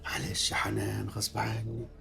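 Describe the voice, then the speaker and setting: A man's voice: on the low side, level tone, a little fast, vocal fry. An actor with an Egyptian accent playing a pious-talking, scheming middle-aged man who threatens his ex-lover in a film drama. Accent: Egyptian Arabic. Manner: sanctimonious, menacing, full of religious phrases.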